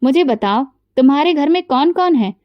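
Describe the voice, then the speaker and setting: A woman reading the lines of a remorseful wealthy factory owner who asks questions gently, shaken and pleading. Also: high-pitched, lively intonation, normal speed, dry recording, dull audio. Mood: troubled.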